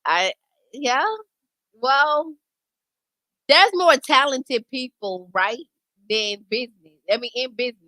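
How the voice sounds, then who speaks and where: A woman's voice: high-pitched, lively intonation, slow, long pauses, bright, forceful tone, dry recording. A woman hosting a radio show, talking in a casual, conversational interview style.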